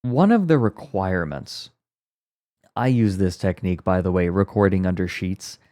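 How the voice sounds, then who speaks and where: A low-pitched man chats casually while reacting to a video, rambling through explanations and dropping wry asides. His mellow, dark voice is muffled and close because he records beneath a blanket, which kills the room sound and leaves the audio very dry. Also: animated, moderate pace, dry recording. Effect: muffled under a blanket for sound deadening. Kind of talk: casual stream chat. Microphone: close mic inside a blanket fort.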